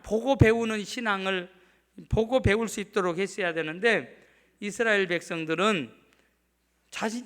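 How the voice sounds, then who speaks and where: A man's voice: sits high, fairly bright tone. A middle-aged male pastor preaching a sermon emphatically, often asking the congregation to answer back. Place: church sanctuary.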